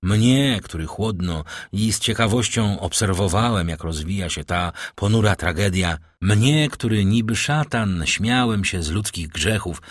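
A man voicing a brooding, commanding count, with slow, hushed and solemn speech. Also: low-pitched, no echo, clean studio sound. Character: brooding powerful count, middle-aged man, grave and commanding.

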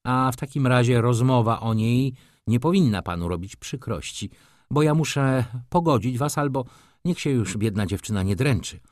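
A man's voice: mid-range voice, animated, moderate pace, a little mellow, no echo, studio quality, voice pushed up, lightly acted. A man reading an audiobook, voicing a haughty, capricious society lady who talks in an offended, reproachful, coquettish way.

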